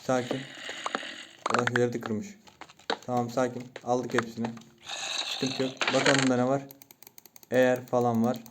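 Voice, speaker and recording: A young man giving Minecraft let's-play commentary, talking himself through the game, muttering to stay calm and breaking into excited yelps. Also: medium pitch, normal speed, pauses often. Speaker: gaming YouTuber. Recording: noisy home recording with keyboard clicks.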